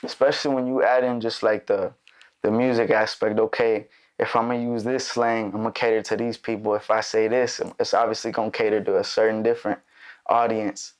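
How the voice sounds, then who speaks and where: A young man, born in Mexico and raised in Chicago, speaks in a lowish, fairly quick voice. He's a musician guest in a studio interview, chatting casually and rambling in a relaxed way, with lots of fillers and restarts.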